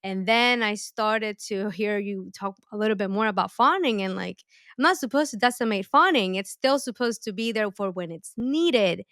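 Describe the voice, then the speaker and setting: A woman's voice: medium pitch, moderate pace, fairly bright tone, dry recording, studio quality. A woman hosting a podcast, speaking reflectively and candidly in conversation. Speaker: podcast host. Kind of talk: conversational interview.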